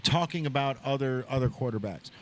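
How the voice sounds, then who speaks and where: A man's voice: medium pitch, a little fast. Emphatic man in casual sports banter. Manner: emphatic, swears, repeats himself. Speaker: podcast co-host.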